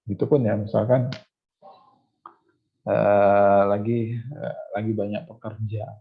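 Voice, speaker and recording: A man's voice: fairly low pitch, flat delivery, slow pace, vocal fry, slightly rough, phone-quality sound. A man lecturing to university students, explaining step by step with many fillers and restarts and checking whether they follow. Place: classroom or online class.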